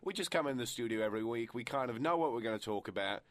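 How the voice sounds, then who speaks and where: A man's voice: medium pitch, lively intonation, fast talker, dry recording. A man co-hosting an improvised comedy radio show, joking and laughing as he riffs. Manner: jokey, laughing, acts out silly voices. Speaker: radio co-host. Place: radio studio.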